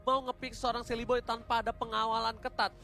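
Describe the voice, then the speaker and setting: Man, Indonesian accent, fast hype game announcer, live match commentary, very high pitch. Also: flat delivery, vocal fry, pushed and bright. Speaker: esports play-by-play commentator.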